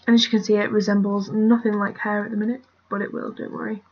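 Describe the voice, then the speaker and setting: Talking fast in a husky, mid-range voice with little pitch variation, a British woman works through a casual, meandering drawing tutorial, often muttering or whispering. She is recorded on a computer mic at her family home, and the sound is dull.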